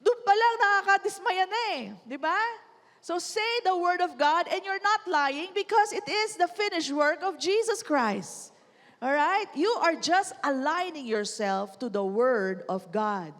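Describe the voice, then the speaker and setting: A woman's voice: extremely high pitch, animated, unhurried, fairly bright tone. A woman pastor from the Philippines with a Filipino accent, preaching a sermon in a mix of English and Tagalog. She often prompts the congregation to say lines after her. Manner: mixes English and Tagalog, asks the church to repeat lines. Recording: long hall reverb.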